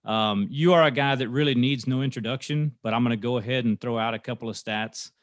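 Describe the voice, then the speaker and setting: A man's voice: medium pitch, fairly quick, no room sound. A man hosting an interview podcast, friendly and talking with frequent fillers. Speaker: podcast host.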